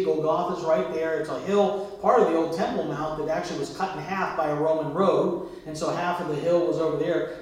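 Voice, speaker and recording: A man's voice: high-pitched, very echoey, low-quality recording. A man preaching a sermon to his church, talking conversationally and asking the congregation questions. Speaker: pastor.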